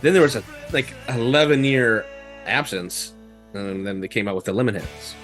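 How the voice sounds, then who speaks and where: A man's voice: mid-range voice, moderate pace, a bit bright, soft background music. A man guesting on a podcast, talking about a band in an enthusiastic, rambling way. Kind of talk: casual chat about music.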